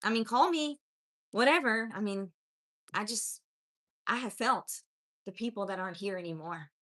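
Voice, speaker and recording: This woman, a spiritual life coach and livestream host, greets her viewers and preaches with earnest encouragement. Her voice is mid-range and a bit bright, moving at a normal speed. Her accent is mixed, shaped by growing up in many places.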